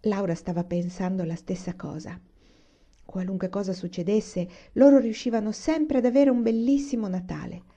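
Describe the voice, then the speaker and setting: Mellow-voiced woman reading a children's story. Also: medium pitch. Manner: calm, unhurried storytelling. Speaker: reader. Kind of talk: reading a children's novel aloud.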